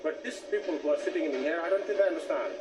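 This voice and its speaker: A man's voice: on the high side, racing. A man as a passenger at an airport check-in desk, insisting, pleading and angry about a missed flight. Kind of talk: fly-on-the-wall documentary. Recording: distant echoey audio with background noise.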